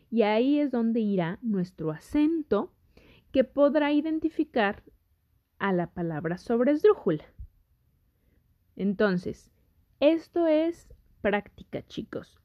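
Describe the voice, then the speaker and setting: Slow, patient woman teaching a lesson. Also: fairly high pitch. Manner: slow, patient, addresses students directly. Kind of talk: spanish grammar lesson. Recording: dull lo-fi audio.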